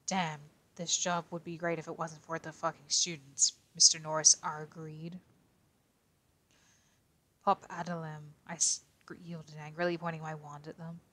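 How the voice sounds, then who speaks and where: A woman voicing a quiet young male detective as he reads a fanfic aloud in character, tripping now and then over odd words. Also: low voice, little pitch movement, measured pace. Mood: deadpan reading.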